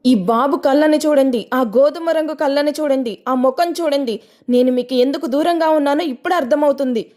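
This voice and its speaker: A woman speaks in a high, slightly mellow voice at a moderate pace, pitching it above her own natural register while still sounding natural. She plays a defiant young mother who talks sharply and accusingly, her mood bitter and blaming.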